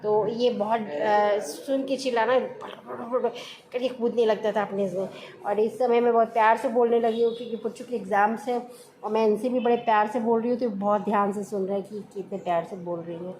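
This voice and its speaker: A woman's voice: on the high side, steady tone, moderate pace, a little mellow, a little hiss or hum. A middle-aged woman vlogging casually from home, homely and chatty, now and then lecturing. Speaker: family vlogger. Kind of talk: casual vlog chat.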